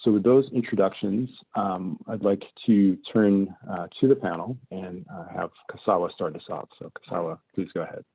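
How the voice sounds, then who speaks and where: Deep, gravelly man, panel moderator, steady with plenty of ums, thin dry phone-like call audio. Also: dry recording. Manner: measured, many ums and uhs. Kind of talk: online panel discussion.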